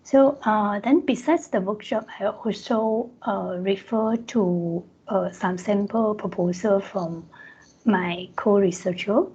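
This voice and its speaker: Breathy woman on a screen-recorded video call. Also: medium pitch, warm tone, highs cut off. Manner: halting, pausing often mid-sentence. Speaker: academic presenter. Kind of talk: online workshop presentation. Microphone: computer mic on a video call.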